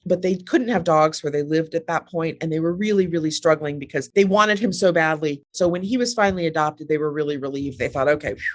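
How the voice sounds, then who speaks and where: A woman's voice: low-pitched, a little fast, hardly any pauses, dry recording. Woman guest telling stories in a dry, close sound. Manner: animated storyteller, many restarts. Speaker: guest photographer. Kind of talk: casual interview storytelling.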